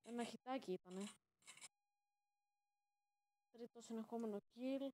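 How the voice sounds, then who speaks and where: A woman commenting casually on her own game as she plays, excitable and prone to sudden shouted exclamations. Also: on the high side. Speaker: gaming channel host.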